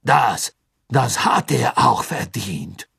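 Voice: mid-range voice, very animated, slow, vocal fry, fairly bright tone, breathy edge, dry recording, clean studio sound, pitched above the performer's own voice, full character voice. An audiobook reader voicing a cowardly male former follower who speaks hastily and breathlessly, stammering as he pleads. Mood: pleading. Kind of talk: audiobook character voice.

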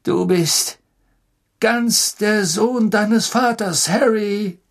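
A man's voice: high voice, very slow, pitched above the performer's own voice, heavily acted. A man voicing a gaunt, worn-out escaped prisoner who speaks with exhausted emotion. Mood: emotional.

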